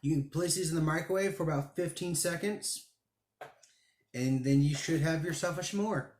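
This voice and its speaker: A man hosts a casual home cooking video and talks his way through each step as he goes. His voice sits a little high, and the room echoes around him with a faint hiss in the background. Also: normal speed, darkish tone. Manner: chatty, thinking aloud while working. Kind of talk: casual how-to narration.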